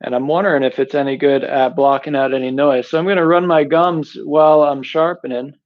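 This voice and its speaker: The host, a man who sharpens knives, keeps up rambling livestream chat from his workshop while he works, heard through a headset mic. His fairly high voice is fairly quick and fairly even in intonation, with narrow, tinny audio.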